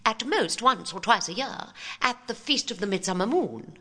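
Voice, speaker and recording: A woman's voice: medium pitch, lively intonation, normal speed, pushed and bright, in a large hall, pitched above the performer's own voice. A woman doing a prim mushroom headmistress. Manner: prim and proper.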